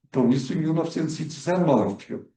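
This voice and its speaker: A little high and mellow, this man's voice moves fairly quickly with lively intonation as he explains history as a guest researcher at a film club debate, hesitating through fillers and restarts. He is far from the mic in an echoey event room at a cultural center.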